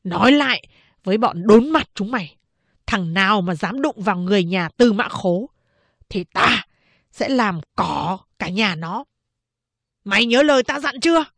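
A woman voicing a grim, fierce man who has returned to his family, speaking low and clipped. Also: slow pace, long pauses, breathy edge, no room sound, exaggerated voice. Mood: menacing. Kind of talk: audiobook character reading.

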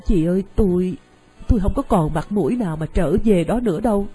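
An actress in a radio drama playing a young mother full of shame who abandoned her child, speaking in halting, breathy phrases. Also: on the low side, mellow, faint music behind, rough recording. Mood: hesitant.

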